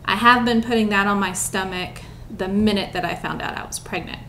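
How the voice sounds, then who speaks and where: A woman's voice: mid-range voice, a little fast, gravelly, a bit bright, slight background noise. A young woman chatting casually to camera at home, rambling with lots of ums and a bit out of breath. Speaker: vlogger.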